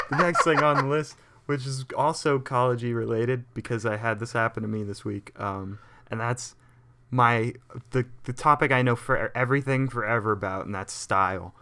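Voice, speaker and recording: A man's voice: medium pitch, steady tone, normal speed, sharp tone, a little hiss or hum. A young man co-hosting a podcast, chatting casually and mocking himself with a laugh. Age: young adult. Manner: joking, self-mocking, laughs while talking. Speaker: podcast co-host. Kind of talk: casual chat.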